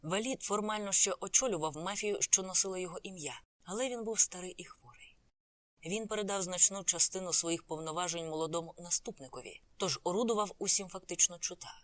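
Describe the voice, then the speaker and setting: A woman's voice: lowish voice, fairly quick, dry recording. A woman narrating a novel as an audiobook, reading the characters' lines in her own voice.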